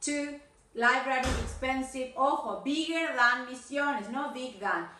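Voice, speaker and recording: A woman's voice: high-pitched, takes it slowly, pushed and bright, roomy sound, far from the mic, slight background noise. A woman English teacher with an Argentine Spanish accent, giving feedback on students' videos, mixing Spanish and English and correcting pronunciation and grammar.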